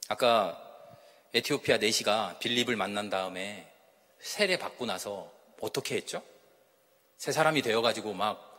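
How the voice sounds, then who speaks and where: A man preaching with a lively, rising and falling voice, asking his listeners questions and acting out the quoted lines. His voice rings with a long reverb through a church hall. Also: mid-range voice. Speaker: speaker at a church women's retreat. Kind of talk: sermon-style lecture.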